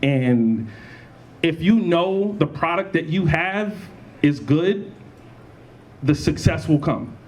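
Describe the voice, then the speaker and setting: A young man speaking as a panelist at a convention, animated and laughing often, with lots of restarts. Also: on the high side, slow, pauses often, slight background noise. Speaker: panelist, battle rapper. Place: college event room.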